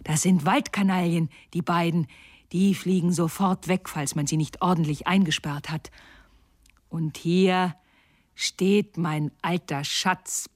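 A woman's voice: fairly low pitch, fairly even intonation, slow, no echo, clean studio sound. A woman voicing a wild, fierce little robber girl in a storybook, blunt and teasing, at times whispering. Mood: boastful.

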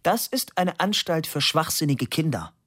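A man voicing a young man who gives absurd answers in a raised, dry, deadpan voice. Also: fairly high pitch, normal speed, pitched above the performer's own voice.

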